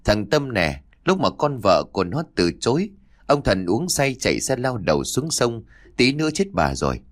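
A man's voice: medium pitch, big pitch swings, voice pushed up. A man voicing a jumpy young fishing buddy. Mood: mocking. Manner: quick, nervous, argumentative.

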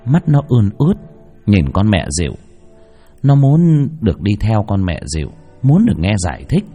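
A man narrating a ghost story, his husky voice swinging widely in pitch. He shifts between hushed and lively telling. Soft music plays under the narration. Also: normal speed.

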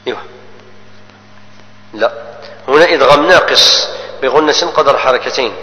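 A man teaches Quran recitation rules, explaining each rule and then chanting the verse slowly as an example. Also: medium pitch, pushed and bright. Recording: echoey hall with long reverb.

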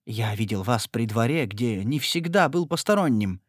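A man voicing a devoted young gentleman who speaks fervently and breathlessly. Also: mid-range voice, expressive, moderate pace, no room sound, studio quality, natural voice. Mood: agitated.

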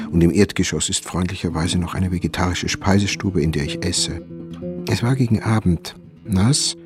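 An actor playing a brooding, anxious male writer in a radio play, speaking quietly and with measured melancholy. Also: fairly low pitch, close to an everyday voice.

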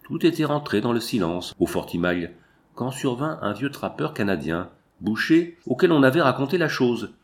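A man narrating a novel in an expressive, measured reading. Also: mid-range voice.

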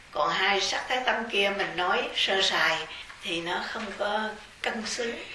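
A Buddhist nun's bright, clear voice rings out in a large, strongly echoing temple hall, caught from a distant mic. She explains things slowly and methodically, like a teacher, and a faint hiss sits underneath. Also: medium pitch. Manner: measured, explanatory, spelling out terms. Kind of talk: dharma lecture.

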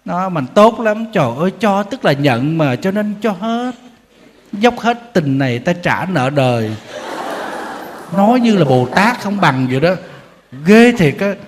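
Buddhist monk preaching in a reverberant hall. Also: male voice, high voice, unhurried, slight background noise. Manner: storytelling, animated, acting out quotes with humor. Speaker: Buddhist monk giving a dharma talk. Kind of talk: sermon.

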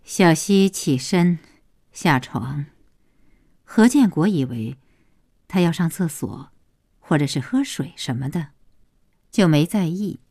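A woman reads a long novel aloud with slow, deliberate storytelling. Her voice sits fairly low, moves with lively rises and falls, and is recorded close and dry. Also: no room sound. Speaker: audiobook narrator. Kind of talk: scripted novel narration.

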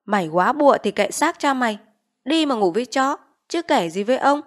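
A woman's voice: on the high side, lively intonation, a little fast, pitched above the performer's own voice, close to an everyday voice. A woman voicing a brutal, bullying male village chief in an audiobook reading, barking orders and threats. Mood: mocking.

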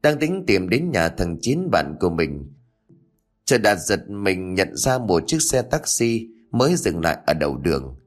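A man reads a story aloud in a measured, expressive voice. His voice sits low, and his pitch rises and falls freely as he narrates.

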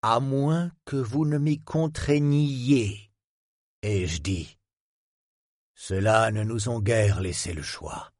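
A man voicing a menacing middle-aged male antique dealer, a villain who talks in a cold, slow, hushed and threatening way. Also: medium pitch, no room sound, clean studio sound, close to an everyday voice. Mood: coldly menacing.

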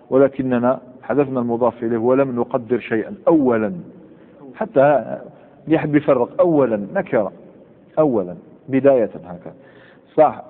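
Algerian man teaching grammar, echoey tinny lecture. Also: mid-range voice. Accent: Algerian Arabic. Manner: repeats examples and quizzes students. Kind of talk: classroom lecture. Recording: tinny lo-fi with long hall reverb.

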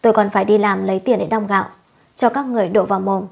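Woman reader as a shrill, scolding young wife; breathy storyteller voice. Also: fairly even intonation, quick pace, darkish tone. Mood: scornful. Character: furious young village wife, sharp-tongued.

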